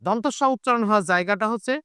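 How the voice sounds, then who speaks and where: A man's voice: high voice, very fast, sharp tone, smooth, no room sound, clean studio sound. A Bengali teacher with a Chapainawabganj accent gives an online lesson. He repeats key points and asks and answers his own questions. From Chapainawabganj, Bangladesh.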